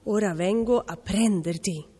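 A woman voicing a big, ugly, mean troll who shouts gruffly from under a bridge, in a storybook reading. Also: medium pitch, flat delivery, measured pace, lightly acted. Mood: shouting. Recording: long hall reverb.

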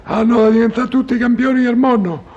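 An actor playing a dim, sentimental retired male boxer in a comedy sketch, speaking haltingly in Roman Italian dialect. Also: very high voice, steady tone, darkish tone, breathy edge, muffled recording. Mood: earnest, confused. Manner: slow-witted, halting, repetitive, easily confused. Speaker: comic character. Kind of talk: comic sketch dialogue.

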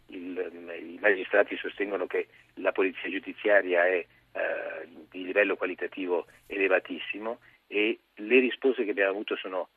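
Low husky man over the phone. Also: no echo. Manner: measured, explanatory. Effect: heard over the phone. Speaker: magazine deputy editor, guest journalist. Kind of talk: phone-in news briefing. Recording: dry tinny phone line.

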